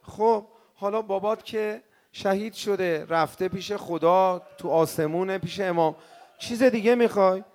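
Higher-voiced man preaching a mourning sermon. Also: a little hiss or hum. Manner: emotional, swinging from hushed to crying out. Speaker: cleric preacher.

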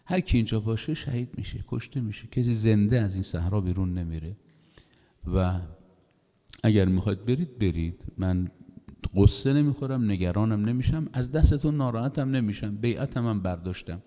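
Impassioned middle-aged preacher in a reverberant hall. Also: male voice. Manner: emotive, rising to high impassioned pitch when voicing the story, drops to soft asides. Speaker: cleric preacher. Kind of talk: religious sermon with storytelling.

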